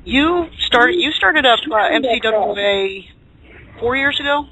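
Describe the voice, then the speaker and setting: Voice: high voice, lively intonation, a little slow, bright, forceful tone, poor audio. A host of a live group talk show, chatting and introducing people with a showman's flourish.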